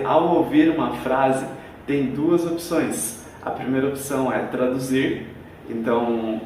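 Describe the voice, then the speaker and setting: A man's voice: medium pitch, a little hiss or hum. A man with a Brazilian Portuguese accent explains a language lesson in a didactic way, walking through examples step by step. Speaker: English teacher. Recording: very echoey room, far from the mic.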